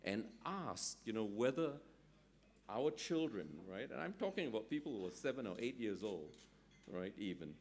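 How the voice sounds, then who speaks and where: A man's voice: lowish voice, very animated, moderate pace, darkish tone, slight background noise. A middle-aged man from Singapore, speaking as a summit panelist. He thinks aloud with many ums and often checks in with "right?". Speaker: conference panelist. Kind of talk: panel discussion at an economic summit.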